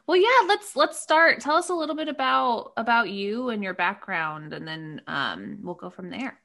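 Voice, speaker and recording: A woman's voice: a little high, lively intonation, moderate pace, vocal fry, pushed and bright. A woman hosting a podcast, introducing her guest and interviewing her in an enthusiastic, encouraging way. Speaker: podcast host.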